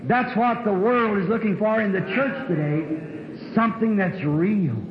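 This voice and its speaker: Preacher guy telling a story, real high voice, dull old recording. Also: unhurried, roomy sound, in a large hall, crowd noise. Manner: folksy storytelling, rural dialect grammar. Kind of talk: sermon with a told story.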